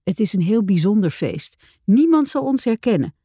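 A woman voicing a cheeky young werewolf boy in a children's storybook, with a bright, teasing way of talking. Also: medium pitch, very animated, normal speed, slightly rough, no echo, clean studio sound, voice pushed up.

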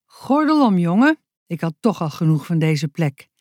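A storyteller voicing a calm, friendly and very strong father who stays unbothered, in a read-aloud children's story. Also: mid-range voice, moderate pace, dry recording, clean studio sound, close to an everyday voice.

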